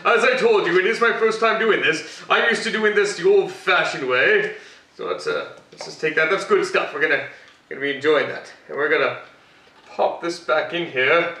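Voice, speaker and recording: Batman, a guy doing him hosting a cooking bit, bright high-ish voice, chatty and bragging, kitchen echo. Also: animated, normal speed. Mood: cocky. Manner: chatty, boastful, rambling with fillers. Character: Batman, grown male hero, cocky and boastful. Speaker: cooking show host. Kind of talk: comic cooking demonstration. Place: home kitchen, indoors. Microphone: far camera. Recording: echoey kitchen, mic far off.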